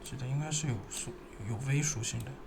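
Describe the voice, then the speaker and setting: A man narrating a screen-recorded software tutorial, thinking aloud and pausing as he works. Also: mid-range voice, gravelly, background noise. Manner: thinking aloud, halting, pausing while working.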